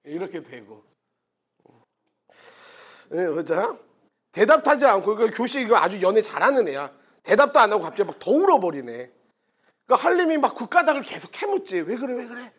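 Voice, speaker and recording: A male teacher giving a literature lecture, animated and often checking in with his students. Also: high voice, moderate pace, pauses often, slightly rough. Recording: dull lo-fi sound.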